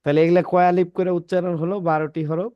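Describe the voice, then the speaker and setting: In a classroom, a man teaches Arabic letter pronunciation, reciting the letters one at a time in a slow, drawn-out manner and checking in with his students. His voice sits high, smooth and level in tone, and the audio is dull with no room sound.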